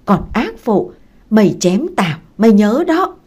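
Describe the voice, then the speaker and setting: A woman's voice: mid-range voice, sing-song, measured pace, a little mellow, husky. A woman voicing a drunken, stubborn ex-husband who pleads and insists. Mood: raging.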